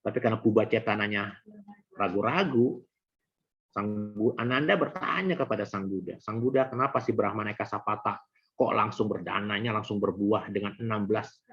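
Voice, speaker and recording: Middle-aged male teacher, husky low voice, chatty lecture tone, dull lo-fi sound. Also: normal speed. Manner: conversational, addresses audience directly. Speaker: Abhidhamma teacher. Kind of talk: Buddhist class lecture. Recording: dull lo-fi recording.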